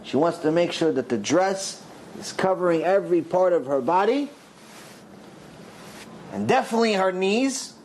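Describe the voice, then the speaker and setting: Male rabbi, sermon storyteller, lively swooping delivery, slightly high voice, faint hiss behind. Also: low-quality recording. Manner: dramatic storyteller, voices the characters with big pitch swings.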